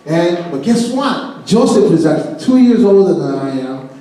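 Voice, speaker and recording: A middle-aged man delivers a sermon with a fairly high voice, telling stories with animation and laughing often. He restarts and repeats his words as he goes. The recording is echoey, like a large hall picked up from a distant mic. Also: big pitch swings, a little slow, dark tone. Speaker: pastor.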